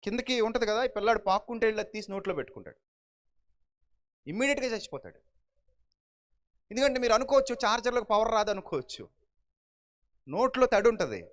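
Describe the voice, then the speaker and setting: A middle-aged male preacher delivers a sermon in a high, bright-toned voice. His pitch leaps and dips dramatically as he poses rhetorical questions. He slips into frightened voices to act out scenes.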